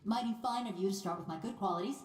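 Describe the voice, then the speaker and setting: A sarcastic construct with a tinny, hollow metal-helmet voice. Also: female voice, mid-range voice, very fast. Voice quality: sarcastic, bitter. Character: sardonic female murderer's soul in a metal construct. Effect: tinny, hollow voice as if through a metal helmet. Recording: roomy game audio, set back from the mic.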